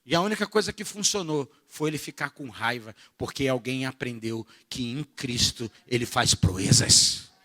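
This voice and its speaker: A man from Brazil with a Rio de Janeiro accent preaching a sermon at a church retreat, animated and jokey, moving from soft asides to shouted bursts. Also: medium pitch, normal speed, hardly any pauses. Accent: Rio de Janeiro Portuguese. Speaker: pastor.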